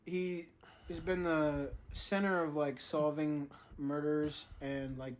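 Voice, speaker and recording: Young male podcast co-host, slightly high voice, rambling casual recap. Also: level tone, slow, low-quality recording. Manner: rambling plot recap with fillers and swearing. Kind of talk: casual chat.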